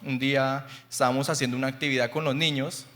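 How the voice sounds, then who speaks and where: A man's voice: mid-range voice, level tone, fast, fairly bright tone. A man in his twenties with a Bogotá Colombian accent, giving a chatty testimonial sermon in church, often checking in with "¿sí?". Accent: Bogotá Colombian Spanish. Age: 20s. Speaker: young preacher. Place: church sanctuary. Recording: long church hall reverb.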